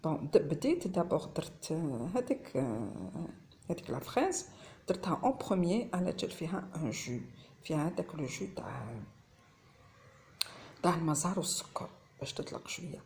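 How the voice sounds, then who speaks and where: A woman's voice: low-pitched, very animated, fairly quick, darkish tone, slight background noise. A woman with an Algerian accent mixing Arabic and French, chatting casually through a home cooking vlog. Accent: Algerian Arabic mixed with French.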